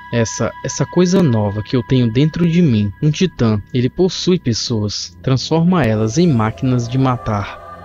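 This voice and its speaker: A man voicing a stubborn male genius scientist, read plainly in his own warm voice. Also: mid-range voice, natural voice. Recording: muffled lo-fi with faint music.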